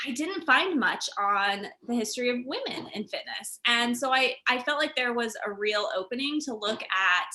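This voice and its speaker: A woman's voice: fairly high pitch, normal speed, few pauses. A woman author being interviewed, explaining her research in a conversational way with many fillers. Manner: animated, explanatory, with frequent fillers. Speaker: author and guest.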